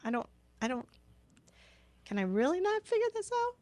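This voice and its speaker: A woman's voice: extremely high pitch, sing-song, normal speed, darkish tone, no room sound. A woman podcast host chatting casually on a live stream, informal and apologetic, thinking aloud as she goes.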